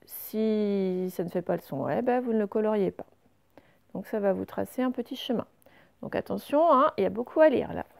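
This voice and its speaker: A woman teacher going carefully through reading exercises for young pupils, saying each word clearly before explaining it. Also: medium pitch, lively intonation, normal speed, a little mellow. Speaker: primary school teacher.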